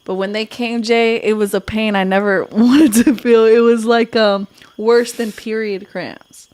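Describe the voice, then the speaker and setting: Brief: woman podcast co-host, slightly high voice, chatty filler-heavy storyteller. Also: fairly even intonation, measured pace, darkish tone, smooth. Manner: laughs often while talking. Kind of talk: casual chat.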